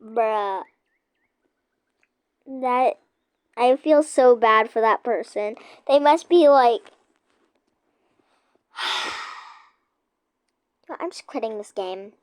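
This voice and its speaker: A woman's voice: a little high, extremely slow, pauses often, clean tone, no room sound. A young girl hosting a casual gameplay video, chatting with a friend and talking to viewers as "guys", giggly and chatty. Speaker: gaming channel host.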